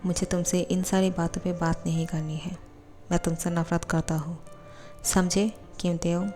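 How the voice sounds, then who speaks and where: Brief: woman doing a hot-tempered young college bully, scolding and threatening, fairly low voice, storybook read with faint music behind. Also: flat delivery, normal speed, darkish tone, natural voice. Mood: angry. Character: arrogant bullying young male college student.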